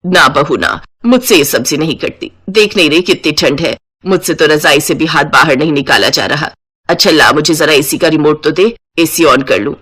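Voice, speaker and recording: Cartoon mother-in-law, fussy and commanding, lower and heavier voice, a woman putting it on. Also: moderate pace, fairly bright tone, breathy edge. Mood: complaining. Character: bossy middle-aged mother-in-law, lazy, fond of AC.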